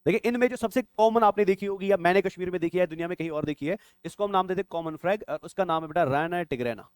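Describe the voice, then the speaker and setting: A man's voice: high-pitched, fast talker, clear, resonant tone, no echo. A young adult man teaching biology for exam prep, constantly quizzing his students and calling them "beta". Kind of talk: exam-prep classroom lecture.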